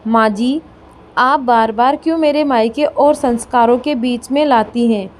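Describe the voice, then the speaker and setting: Woman doing a calm firm daughter-in-law, storybook, high-pitched. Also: a little slow, slight background noise, natural voice. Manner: firm, reasoning.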